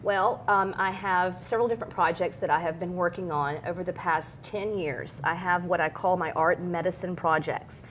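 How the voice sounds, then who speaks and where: A middle-aged woman with a fairly low voice talks candidly as an interview guest. Her delivery is earnest and personal, like someone telling her own story. Noticeable noise and a low rumble sit behind her. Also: steady tone, normal speed, few pauses, a bit bright, poor audio.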